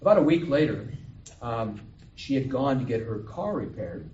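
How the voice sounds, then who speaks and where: A man's voice: mid-range voice, sing-song, normal speed, warm tone, slight background noise. A man giving a homily as a priest, telling a story and acting out the quoted voices. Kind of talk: homily at Mass. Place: chapel or church. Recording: echoey room, distant mic, dull sound.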